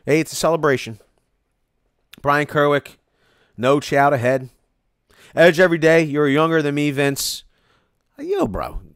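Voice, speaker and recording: Reading viewer comments on a home live stream, a man rambles excitably, restarting often and saying "like" a lot. His voice is a little high, resonant and clear, a bit slow with long pauses. A close mic gives clean studio sound with no room tone.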